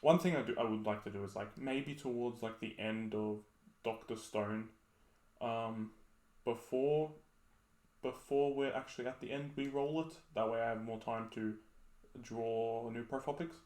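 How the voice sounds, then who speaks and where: A man's voice: medium pitch, normal speed, a little mellow. Rambling Australian man, roomy echo. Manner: rambling, laughs often. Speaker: podcast co-host. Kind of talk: casual chat.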